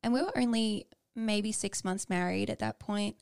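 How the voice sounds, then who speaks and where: Young woman with a gravelly edge. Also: medium pitch, moderate pace, darkish tone. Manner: candid, personal storytelling with fillers. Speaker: podcast co-host. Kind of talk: casual chat.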